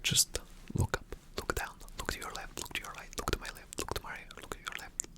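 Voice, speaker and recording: A man whispers an ASMR roleplay as a calm, attentive spy agent briefing his partner. His instructions are hushed and deliberate, in a soft, breathy, slightly creaky voice.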